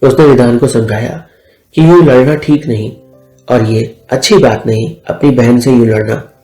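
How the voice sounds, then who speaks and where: Man, story narration, steady reading, echoey room, faint music behind. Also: mid-range voice, normal speed.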